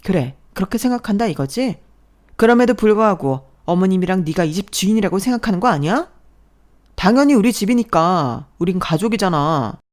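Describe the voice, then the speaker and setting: A woman's voice: mid-range voice, expressive, brisk, a little mellow, close to an everyday voice. A woman voicing a defensive, whiny young husband in a spoken drama story.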